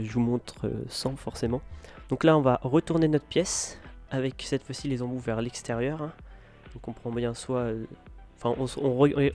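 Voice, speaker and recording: A man guiding viewers through a building tutorial in a relaxed, hesitant way, with many fillers. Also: medium pitch. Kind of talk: casual step-by-step tutorial.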